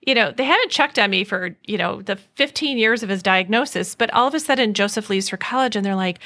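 A woman's voice: mid-range voice, expressive, a little fast, sharp tone. A woman in her forties hosting a conversational interview, upbeat and candid, laughing often as she talks. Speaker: podcast host.

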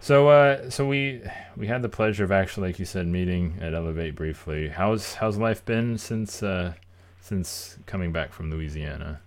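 A man's voice: sits low, normal speed. A man interviewing someone in a casual, joking, conversational way. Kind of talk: casual chat.

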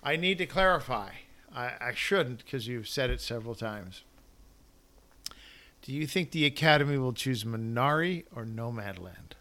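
Bright-voiced rambling man. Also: mid-range voice, animated, moderate pace. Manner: rambling, loses his thread, self-corrects. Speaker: podcast co-host. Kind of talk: casual film-awards chat.

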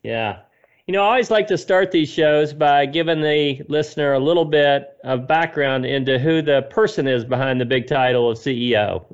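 A man's voice: a little high, clean tone, dull audio. A man hosting a podcast, reading a polished introduction and then asking interview questions in an upbeat way. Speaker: podcast host.

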